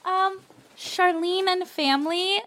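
A woman co-hosting a podcast who excitedly gushes over fan mail in casual chat. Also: extremely high pitch, slow pace. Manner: excitable, gushing, exclamatory. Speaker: podcast co-host.

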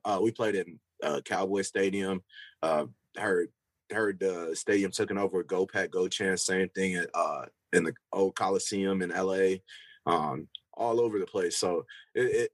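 A man's voice: low-pitched, steady tone, moderate pace, no echo, poor audio. A young man, a football player, answering interview questions casually with lots of fillers and restarts. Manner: loose, rambling, with many fillers and restarts.

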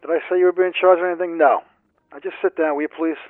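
A man voicing a tough gravelly interrogator. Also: mid-range voice, animated, quick pace, no room sound. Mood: pressing. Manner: firm, pressing and commanding. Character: tough male defense force interrogator. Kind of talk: amateur audio drama acting. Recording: dull lo-fi recording.

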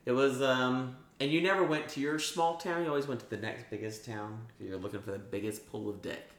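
Crude comedic banter comes from a thirtysomething man co-hosting a podcast, his bawdy tales full of laughter and lively storytelling. He speaks briskly in a mid-range voice, and the sound is reverberant.

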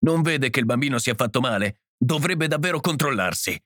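An irritated husband speaking in short, clipped lines, as a man reads him. His pitch stays lively as he argues. The recording is dry and close. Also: fairly quick, dry recording. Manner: curt, clipped. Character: curt, irritated husband defending his home.

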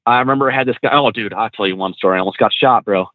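A man's voice: lowish voice, very fast, no echo. Casual male trucker-trainer guest, loose and slangy with lots of restarts, heard over a thin phone-like line with no room sound. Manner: laid-back, slangy, many fillers and restarts. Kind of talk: casual storytelling.

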